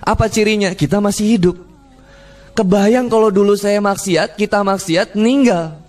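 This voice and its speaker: A man's voice: sits high, moderate pace, a little mellow. A man preaching a sermon, telling funny stories and acting out the people in them. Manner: jokey, acts out dialogue, frequent laughter from crowd. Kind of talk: humorous sermon storytelling.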